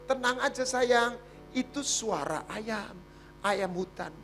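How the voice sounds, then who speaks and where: A man's voice: sits high, big pitch swings, a little slow, pushed and bright, a little hiss or hum, full character voice. A man voicing a young husband who soothes his bride and insists bluntly. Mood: soothing. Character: young husband, calm then exasperated.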